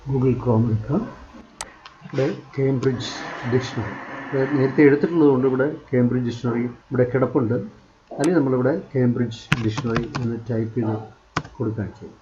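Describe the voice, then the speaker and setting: A man's voice: medium pitch, fairly even intonation, fairly quick, lo-fi sound, background noise. A man teaching English in a screen-share tutorial, repeating himself while he points things out on screen. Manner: repetitive, pointing out items on screen.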